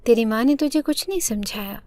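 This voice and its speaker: A woman's voice: on the high side, lively intonation, a little mellow, close to an everyday voice. A woman voicing a harsh, scolding older mother-in-law in a storybook narration. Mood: taunting. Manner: taunting, scolding.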